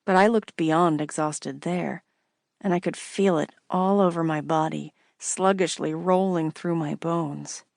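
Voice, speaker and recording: Low gravelly woman narrating. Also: steady tone, a little slow, a little mellow, no echo, studio quality. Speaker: audiobook narrator. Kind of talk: first-person novel narration.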